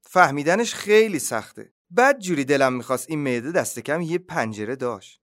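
A man's voice: on the high side, animated, a bit bright. Contented duck voiced by a man, matter-of-fact, confident, storybook reading. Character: calm, contented male duck living in a wolf's belly.

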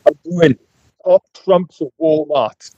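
A man from the United Kingdom co-hosting a podcast, telling stories in casual chat, excitable and laughing often. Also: on the high side, takes it slowly, husky, dry recording, muffled recording. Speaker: podcast co-host.

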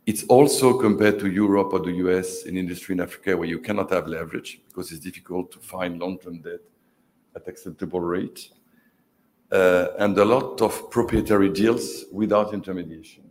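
A middle-aged man, a non-native English speaker, giving a halting, analytical panel talk as a fund manager in the manner of an investment banker, heavy with finance jargon. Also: low voice, fairly even intonation, darkish tone, a little hiss or hum. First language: not English.

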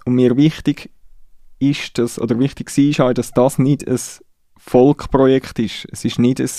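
A man's voice: medium pitch, flat delivery, measured pace, warm tone, no echo, clean studio sound. A Swiss man from Nidwalden, a musician guest speaking reflectively and hesitantly in a casual interview. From Nidwalden, Switzerland. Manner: reflective, hesitant, restarts sentences.

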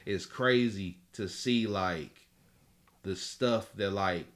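A man's voice: fairly low pitch, slow pace, a bit bright. A man in his late twenties, a guest in a casual podcast chat, talking in a laid-back, rambling way full of slang and fillers. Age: 20s.

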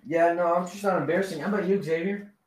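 A teenage boy chatting casually with friends over an online call, loud and teasing, laughing often. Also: high voice, fast, rough recording.

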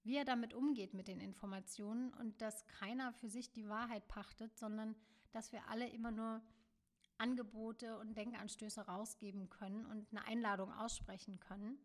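A woman hosting her own podcast, talking alone in a gentle, searching way with many small fillers and soft, trailing phrases. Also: on the high side, fairly even intonation, moderate pace. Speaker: podcast host. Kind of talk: reflective solo podcast monologue.

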